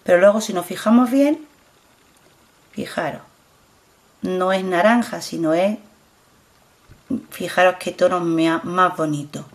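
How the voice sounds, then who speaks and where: A middle-aged woman with a Spain Spanish accent talks unhurriedly through a home product demo. Her voice sits a little low, and her speech is chatty and repetitive as she keeps asking viewers to look closely. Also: unhurried, long pauses. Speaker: beauty vlogger.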